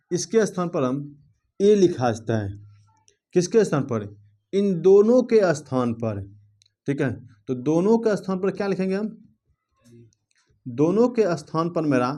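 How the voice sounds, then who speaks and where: A man teaching a grammar lesson to students, asking them questions and checking in again and again with the class. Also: on the high side.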